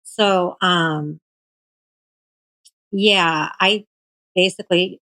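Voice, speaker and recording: Halting, emotional woman telling her story. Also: lowish voice, steady tone, pushed and bright, dry recording, rough recording. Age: 40s. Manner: halting and emotional, full of fillers and restarts. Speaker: guest. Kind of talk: personal story in a live-stream interview.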